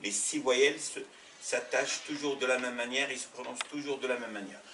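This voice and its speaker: A man teaching letters in a slow, patient classroom manner, spelling out each sound. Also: medium pitch, noisy background. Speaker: Arabic teacher. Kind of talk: classroom lesson. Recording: roomy sound from a distant mic.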